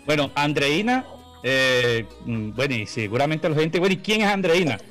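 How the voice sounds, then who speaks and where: A man's voice: fairly high pitch, sing-song, normal speed, fairly bright tone, faint music behind. A man, hosting a casual interview in a jovial, colloquial way. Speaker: interview host. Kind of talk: casual radio-style interview.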